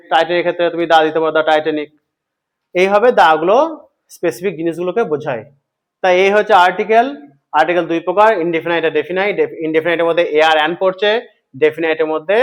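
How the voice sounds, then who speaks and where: Bengali guy teaching english grammar, pretty high voice, keeps asking questions n answering them. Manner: asks questions to students and answers them himself; repeats points slowly for emphasis. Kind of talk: explanatory grammar lesson.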